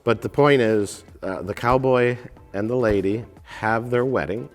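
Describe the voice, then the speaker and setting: A man's voice: medium pitch, unhurried, big-room sound, faint music behind. A middle-aged man giving a casual, comic recap of a film in a panel discussion. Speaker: show panelist recapping films. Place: indoor studio panel.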